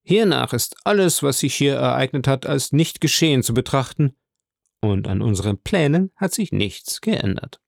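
Man reading as an uneasy prosecutor, storybook, stiff, pressed halting replies, gravelly, dry sound. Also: medium pitch, animated, no echo. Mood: formal. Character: uneasy male public prosecutor, stiff and strained.

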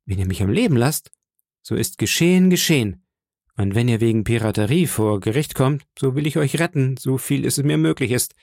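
A man's voice: medium pitch, lively intonation, a little fast, a little mellow, dry recording, clean studio sound, natural voice. A man reading an audiobook, voicing a bold, defiant boy cabin hand who speaks steadily.

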